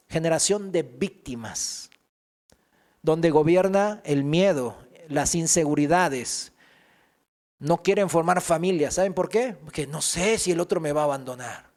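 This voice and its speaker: Male pastor with a high voice, animated sermon delivery with comic put-on voices. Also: a little slow. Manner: animated preaching, acts out whiny voices for comic effect. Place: church.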